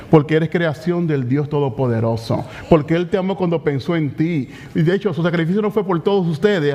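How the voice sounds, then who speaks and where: A male pastor preaching a sermon in a church, impassioned and slowing down to stress key phrases. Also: on the high side, a little mellow. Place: church sanctuary. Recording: long church hall reverb.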